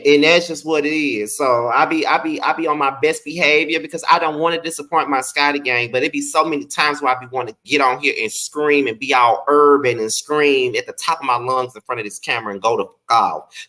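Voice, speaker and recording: Man, lisping slushy s, bright forceful voice, sassy slangy delivery, casual review commentary. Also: medium pitch, a little fast, few pauses. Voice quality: lisp, slushy sibilants. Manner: sassy, slangy, emphatic with swearing. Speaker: reality TV review host. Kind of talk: casual live commentary, chatty.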